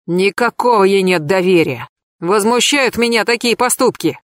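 A crude, suspicious young man yelling accusations in a jealous rage, as a woman puts him on. His voice runs a little higher than a plain male voice, and the storybook recording is close and dry. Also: lively intonation, normal speed, no room sound, lightly acted. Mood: angry. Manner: shouting accusations.

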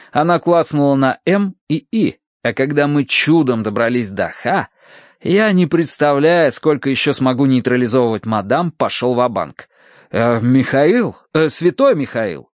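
A man narrating an audiobook in the first person with expressive, lively storytelling. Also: a little high, normal speed, dry recording, clean studio sound.

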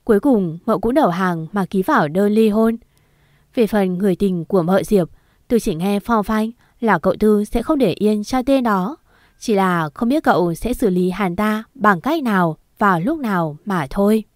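A woman tells a first-person story in a steady, earnest reading at a middle pitch. The sound is dry and close, with no room in it. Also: moderate pace, dry recording. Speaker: narrator. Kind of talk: scripted story narration.

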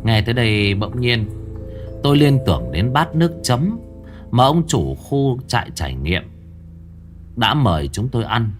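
A man's voice: mid-range voice, very animated, a little slow, over music. A man narrating a horror story in a dramatic, storytelling manner. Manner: dramatic storytelling, shifting inflection.

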